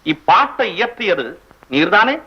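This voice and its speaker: A man's voice: high voice, sing-song, unhurried, breathy edge, heavily acted. A young man in a school play, playing a proud, stern male court poet who speaks in lofty, reproachful formal tones. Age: teens. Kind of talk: school stage play acting. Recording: dull lo-fi stage recording.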